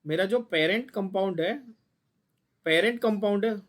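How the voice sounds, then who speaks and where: Man, high voice, chemistry teacher, online class, blunt, quizzing. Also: moderate pace. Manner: mixes Hindi and English, quizzes students constantly, blunt and scolding.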